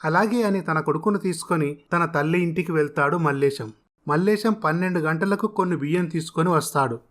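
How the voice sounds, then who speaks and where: A man narrating a family story in a steady, even storytelling manner. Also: a little high, fairly quick.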